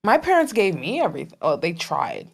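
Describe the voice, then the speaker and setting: Animated woman in her thirties. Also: lowish voice, a little fast, creaky. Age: 30s. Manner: animated storyteller, acts out quoted voices. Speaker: podcast co-host. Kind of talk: casual podcast chat.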